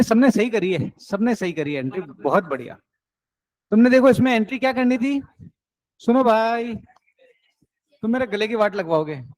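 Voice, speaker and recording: A man's voice: high-pitched, darkish tone, dry recording. A man teaching an accounts class, coaxing and encouraging his students and mixing in English terms.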